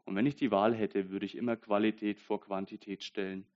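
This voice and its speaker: A young man preaching a sermon in an earnest way, dropping to a soft, intimate voice and then rising to loud, emphatic bursts. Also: lowish voice, level tone, brisk, lo-fi sound. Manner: reads Bible verses aloud.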